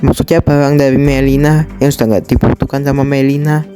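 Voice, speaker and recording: A woman's voice: rumbling low, level tone, a little fast, warm tone, faint music behind, voice pushed down. A woman voicing a greedy, envious teenage girl in an amateur game drama, talking in a chatty, whiny way. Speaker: voice actor for a fan drama.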